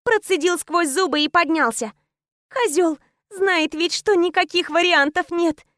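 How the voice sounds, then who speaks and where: High-voiced woman narrating intensely. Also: measured pace, fairly bright tone, no echo, studio quality. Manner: intense, clipped short phrases. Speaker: audiobook narrator. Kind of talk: first-person romance narration.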